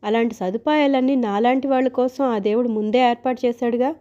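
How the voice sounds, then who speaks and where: A breezy, joking grown son who brushes things off in a teasing, offhand way, as a woman reader voices him. The voice stays high and mellow, and the recording sounds dull and lo-fi. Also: fairly even intonation, brisk, close to an everyday voice.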